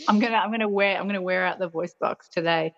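A woman's voice: fairly low pitch, fast, creaky, lo-fi sound. A woman chatting casually as a podcast guest, playful and giggly, sprinkling her talk with "like". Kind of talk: casual chat.

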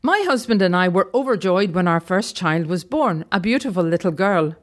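A woman from Ireland, telling a personal anecdote in a gentle, measured way. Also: lowish voice, expressive. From Northern Ireland. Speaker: storyteller. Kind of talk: anecdote storytelling.

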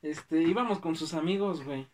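A young man with a Mexico City accent, chatting casually and telling stories in animated, slangy talk. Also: on the high side, moderate pace, far from the mic. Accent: Mexico City Spanish. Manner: slangy, animated, acts out quotes. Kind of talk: casual chat, storytelling.

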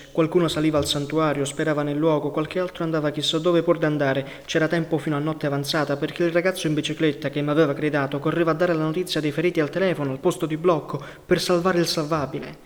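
Grave Italian-reading man, reverberant. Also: a little high. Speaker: audiobook reader. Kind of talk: reading a novel aloud.

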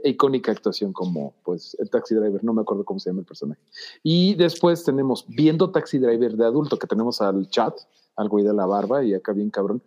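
A man with a Mexican accent in a casual chat, rambling through descriptions with deadpan jokes. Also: lowish voice, muffled recording. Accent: Mexican Spanish.

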